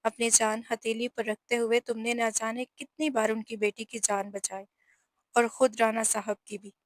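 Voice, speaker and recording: A woman's voice: fairly high pitch, little pitch movement, moderate pace, no echo, close to an everyday voice. A woman voicing a widowed mother who scolds her only son firmly and emotionally in a storybook reading. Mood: tearful. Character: stern widowed mother, protective and tearful.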